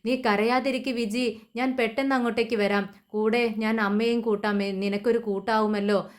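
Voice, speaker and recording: A woman's voice: on the high side, steady tone, moderate pace, natural voice. A woman reading the lines of a worried older father on the phone, urgent and pleading.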